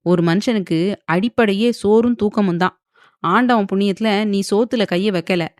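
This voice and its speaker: A woman's voice: mid-range voice, brisk, no echo, natural voice. Woman voicing an irritable young husband, grumbling, mocking, audiobook, dry close recording. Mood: irritated.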